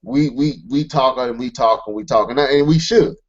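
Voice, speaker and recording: A man's voice: mid-range voice, moderate pace, muffled recording. A man co-hosting a podcast, talking earnestly and emphatically in casual chat, circling back with restarts. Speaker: podcast co-host.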